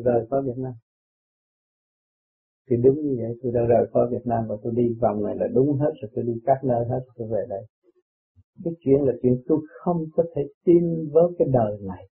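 Older man, husky and a touch high-pitched, rambling through a personal story on a lo-fi phone-line recording. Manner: rambling, quotes others in dialogue, laughs at himself. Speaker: storyteller recounting his life. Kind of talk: personal testimony.

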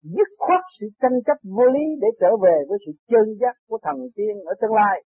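A man giving an earnest, preachy spiritual talk that turns into excited personal storytelling. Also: sits high, a little fast, slightly rough, no room sound. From Vietnam. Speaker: spiritual teacher. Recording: tinny lo-fi tape recording, dry.

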